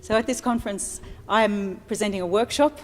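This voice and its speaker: A woman from Australia giving a brisk, friendly short self-introduction at a conference. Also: mid-range voice. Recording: reverberant hall.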